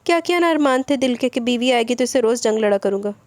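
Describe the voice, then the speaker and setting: A playful, mock-stern young husband from a romance audiobook, teasing his wife without pause, as a woman narrator voices him. The delivery is mellow and warm-toned. It is recorded close and dry. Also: fairly high pitch, animated, no echo, voice pushed up, close to an everyday voice.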